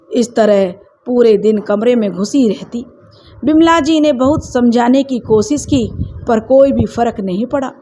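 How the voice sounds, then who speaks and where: Woman storyteller, slightly high voice. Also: darkish tone, slight background noise. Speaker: storyteller, channel host. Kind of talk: scripted story narration.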